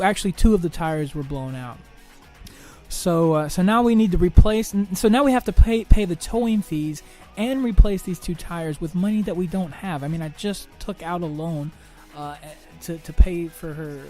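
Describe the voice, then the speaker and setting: A young man hosting a podcast, talking through personal troubles in a halting monologue full of restarts, fillers and swearing. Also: a little high, a little mellow. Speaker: podcast host.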